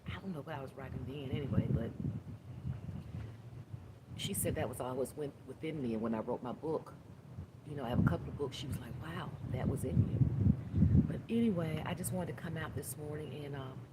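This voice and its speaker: A woman's voice: low voice, fairly quick, long pauses. A woman in her fifties gives a casual, rambling inspirational talk as a life coach, with asides and restarts, speaking outdoors in the wind. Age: 50s. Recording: noisy outdoor recording with wind.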